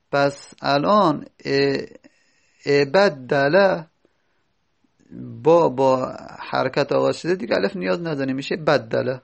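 A man teaching a grammar lesson, explaining step by step and slowly repeating each word form as he goes. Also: medium pitch, creaky. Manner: reads out lines of a textbook before explaining them.

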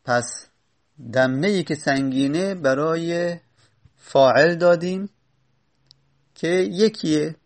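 A man's voice: fairly high pitch, long pauses. Man explaining grammar step by step. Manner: explains step by step, stops to correct himself. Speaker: teacher of Arabic grammar. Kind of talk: spoken classroom lesson.

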